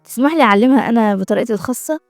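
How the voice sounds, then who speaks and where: A woman's voice: a little high, lively intonation, racing, no echo, clean studio sound, faint music behind. A woman voicing a sly, pushy middle-aged male business client who talks in a smarmy, mocking way with an Egyptian Arabic accent. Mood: sleazy.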